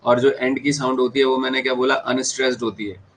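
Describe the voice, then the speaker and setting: A man's voice: medium pitch, level tone, quick pace, fairly bright tone, slight background noise, rough recording. A man with an Indian accent teaching an exam-prep class, switching between Hindi and English, repeating key terms and checking whether students follow. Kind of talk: classroom lecture.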